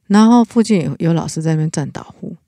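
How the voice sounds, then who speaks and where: Chatting casually on a podcast he co-hosts, a teacher with a Taiwanese Mandarin accent earnestly recounts his own experiences, stopping and rephrasing often. His mid-range voice is fast and warm, captured dry with studio quality.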